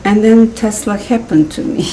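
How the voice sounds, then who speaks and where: A woman's voice: medium pitch, measured pace, mellow, slight background noise, poor audio. A woman with a Serbian accent, a guest in an interview, telling her story in a chatty way with frequent laughs. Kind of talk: casual interview chat.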